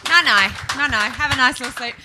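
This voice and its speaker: A woman's voice: high-pitched, fast, very noisy. A young Australian woman doing a stand-up set, chatty and self-mocking with punchy delivery. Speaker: stand-up comedian.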